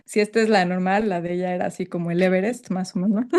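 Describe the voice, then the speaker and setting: A woman's voice: lowish voice, fairly quick, darkish tone. A woman sharing her experiences on a group video call. She is emotionally stirred and searches for words as she speaks, frank and reflective. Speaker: workshop participant. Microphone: video call microphone.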